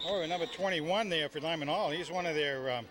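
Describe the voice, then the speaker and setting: Folksy high-voiced male color commentator. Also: fairly quick, noisy background. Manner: folksy, joking analysis. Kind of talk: high school football radio commentary.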